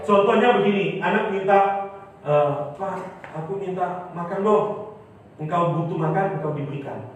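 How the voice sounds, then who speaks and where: A man preaches with high-pitched, animated delivery, swinging from ringing cries to quiet murmurs. He is heard from a distance in a booming, reverberant church hall. Music plays softly behind him. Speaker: pastor. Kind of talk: sermon.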